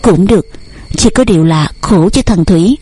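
Woman reading an anxious, protective mother in a storybook, mellow and soft. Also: lowish voice, animated, normal speed, slightly rough. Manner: soothing, urgent. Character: worried middle-aged mother, anxious and protective.

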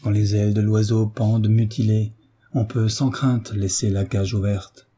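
A man's voice: lowish voice, level tone, moderate pace, dark tone, breathy edge. A man reading as a grieving young wife. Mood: despairing. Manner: anguished letter read aloud. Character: young woman, grieving and remorseful.

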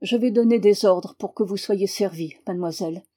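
A woman's voice: medium pitch, moderate pace, mellow, natural voice. Woman reading an earnest awkward young man.

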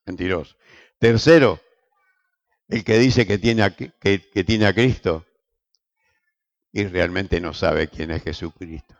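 Older rioplatense pastor, gravelly voice, lively jokey preaching. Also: male voice, sits low, slow, pauses often, muffled recording. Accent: Rioplatense Spanish. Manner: animated, jokey preaching with rhetorical questions. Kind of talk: sermon.

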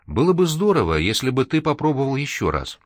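A man's voice: medium pitch, sing-song, a little fast, dry recording, clean studio sound, pitched above the performer's own voice. A man reading an audiobook, voicing a caring young woman who encourages a friend in a soothing manner. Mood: encouraging.

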